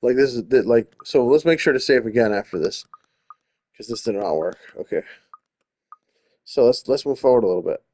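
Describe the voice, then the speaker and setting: Thinking aloud casually while playing, this gaming video host also reads the game's story text out loud. His mid-range voice is slightly mellow, moves at normal speed, and has long pauses.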